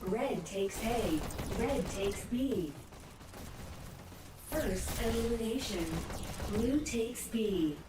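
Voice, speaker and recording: A woman voicing a calm, impersonal female game announcer, giving short clipped callouts. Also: fairly high pitch, very slow, pauses often, noisy background. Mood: flat callouts. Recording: echoey game audio, heard from afar.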